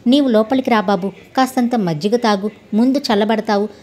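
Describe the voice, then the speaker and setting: Ramanamurthy, a woman doing a calm older father. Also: fairly high pitch, a little fast, lightly acted.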